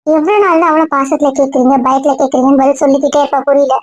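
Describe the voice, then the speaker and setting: A blunt young woman friend, played by an actress, who lectures in a sharp, rapid-fire way. Her voice sits very high and races along. The recording is dry and a little dull. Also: steady tone, no echo, soft background music, close to an everyday voice. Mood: scolding. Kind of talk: web drama acting.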